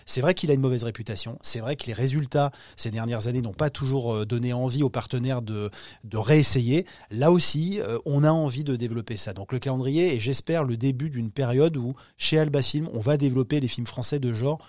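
A man's voice: mid-range voice, fairly quick, a little mellow, no room sound, studio quality. A man talking about upcoming films in a podcast interview, hesitant, with many fillers and restarts. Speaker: film distribution executive.

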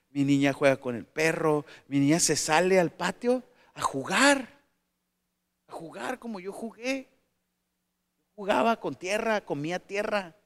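High-voiced man giving a lively talk. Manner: animated, asks the audience questions, jokes aside. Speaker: speaker addressing parents. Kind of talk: motivational talk to an audience.

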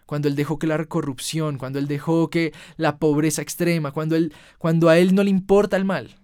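A man's voice: a little high, steady tone, a little fast, a little mellow, clean tone, dry recording, clean studio sound. A young man delivering an emotional personal monologue as a podcast host, earnest, with his voice climbing when he recalls his anger.

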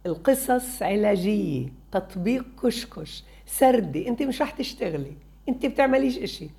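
A woman talks parents through child-rearing advice. Her voice is dark and gravelly. She is expressive and emphatic, and she repeats key words to drive each point home. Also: mid-range voice. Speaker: parenting consultant.

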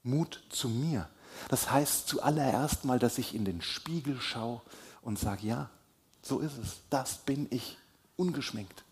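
Male pastor, sermon; husky, unhurried delivery that swells for emphasis and sinks to a hush. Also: medium pitch. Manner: slow, deliberate delivery with emphatic rises and soft drops. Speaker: preacher.

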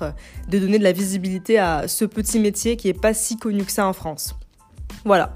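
A young Algerian woman, a podcast host and image consultant, runs a casual self-help show. Her voice is medium in pitch and slightly mellow, and she talks informally in youthful slang peppered with English loanwords.

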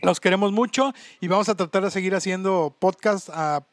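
A man's voice: sits high, a little fast, a little hiss or hum. A man with a Mexican accent hosting a podcast over a remote call, laid-back and joking. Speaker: podcast host. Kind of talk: casual chat.

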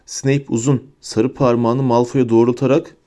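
A man's voice: mid-range voice, little pitch movement, normal speed, mellow. Man reading an audiobook aloud. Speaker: audiobook narrator. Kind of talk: scripted audiobook narration.

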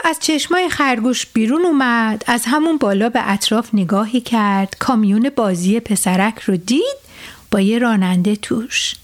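A woman host reads a bedtime story for children with a high voice. She takes her time and often turns to address the young listeners directly. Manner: speaks directly to children, unhurried.

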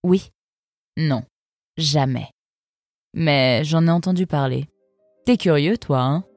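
A woman's voice: deep voice, takes it slowly, darkish tone, dry recording, studio quality, soft background music. A woman voicing a tall tattooed female fox who talks in a blunt, offhand, cynical way in a storybook.

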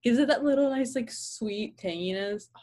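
A woman's voice: fairly high pitch, moderate pace, dark tone. A young woman with a slight lisp, co-hosting a casual podcast and chatting in a giggly, rambling way. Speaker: podcast co-host. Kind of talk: casual chat.

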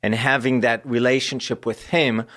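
A man from Israel, a guest in an interview, telling his life story earnestly and haltingly with many pauses and fillers. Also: mid-range voice, fairly even intonation, fairly bright tone.

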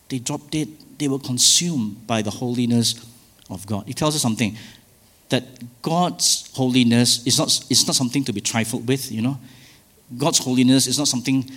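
A man's voice: mid-range voice, fairly bright tone. A male pastor preaching a sermon, emphatic, with rhetorical questions and asides.

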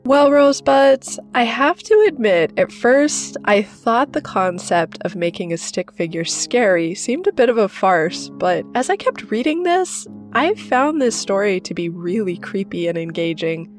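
A woman hosting a horror story channel, narrating in a steady, measured storytelling voice. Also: mid-range voice, faint music behind.

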